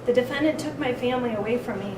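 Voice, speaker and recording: A woman victim advocate reading a victim impact statement aloud in a steady, measured way, captured in a courtroom recording. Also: on the high side. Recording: echoey courtroom, distant mic, noise.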